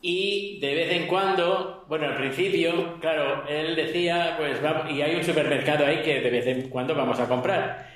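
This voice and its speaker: A man with a raised pitch tells an anecdote in a chatty way and laughs easily. His voice rings around a very echoey room. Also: steady tone, normal speed, a bit bright. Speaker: interviewer. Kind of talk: casual chat.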